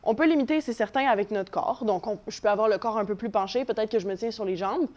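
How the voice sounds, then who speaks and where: A woman's voice: mid-range voice, fast, a little mellow, muffled recording. A young woman teaching a children's voice lesson, encouraging and demonstrating vocal exercises. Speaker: drama teacher. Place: living room at home.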